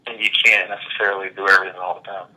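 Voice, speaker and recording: Low, flat-voiced man with a bright tone. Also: racing, poor audio. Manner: relaxed, reflective, frequent "you know" fillers. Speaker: interview guest, former college athlete. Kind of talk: casual interview conversation.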